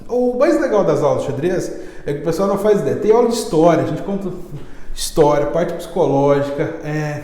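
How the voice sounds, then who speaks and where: Brazilian man, chess teacher, lively slangy storyteller, mellow tone, long room reverb. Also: fairly high pitch, a little fast. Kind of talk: casual interview chat.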